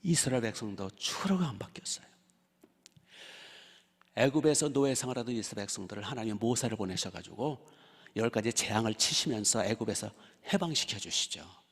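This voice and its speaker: Older male pastor, husky gravelly voice, lively story-driven sermon, long church-hall reverb. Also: on the low side, fairly quick. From Chungcheong region, South Korea. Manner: lively storytelling with rhetorical questions to the congregation. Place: church sanctuary.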